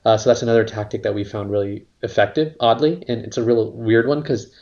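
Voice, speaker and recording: A man's voice: fairly low pitch, fairly even intonation, a little fast, a little mellow. Man, company co-founder, casual interview talk, rambling, filler-heavy, dull lo-fi sound.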